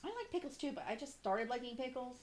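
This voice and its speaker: Animated valley girl woman, swooping pitch. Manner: valley girl speech, drawn-out exclamations, lots of "like". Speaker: podcast co-host. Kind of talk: casual, sweary banter.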